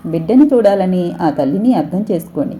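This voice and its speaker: A woman reading the lines of a female hospital doctor, measured and explanatory. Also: lowish voice, animated, warm tone, close to an everyday voice. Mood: calm.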